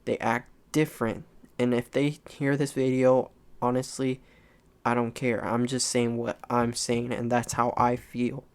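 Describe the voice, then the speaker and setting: A young man of nineteen speaks his mind in a loose, rambling vlog, blunt and unfiltered. His voice sits at an ordinary pitch and comes through smooth and clear. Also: level tone, measured pace, a little mellow. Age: young adult. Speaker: content creator. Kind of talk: unscripted personal vlog talk.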